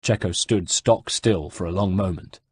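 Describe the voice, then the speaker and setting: A man narrating an audiobook in a steady storytelling delivery. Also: low-pitched, normal speed, breathy edge, dry recording. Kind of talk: scripted narration.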